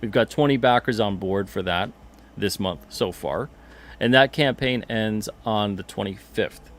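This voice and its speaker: A man hosts a casual livestream in a relaxed, rambling way, often repeating his own phrases. His voice sits on the lower side for a man. He talks straight into a desk mic. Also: unhurried. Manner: chatty, rambling, repeats himself, reads chat comments aloud. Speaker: podcast host and comic publisher.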